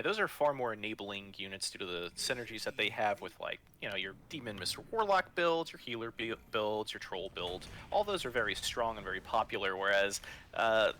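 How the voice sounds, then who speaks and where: A man's voice: on the low side, lively intonation, brisk, bright, forceful tone, a little hiss or hum. A man co-casting a live esports match, analytical and explaining strategy in detail. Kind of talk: live game commentary.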